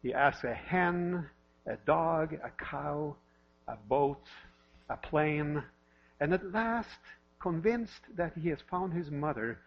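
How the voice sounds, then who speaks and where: A husky pastor in his fifties, originally from Norway, preaches in a church and talks a little higher than most men. He speaks conversationally and pokes fun at himself. The recording is lo-fi and dull, with a steady mains hum behind him. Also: takes it slowly. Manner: warm self-deprecating humor, conversational with repeated questions. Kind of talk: sermon. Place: church sanctuary.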